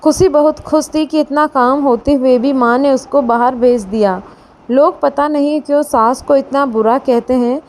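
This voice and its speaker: A woman narrating a family story in a calm, even storytelling manner. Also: sits high, normal speed.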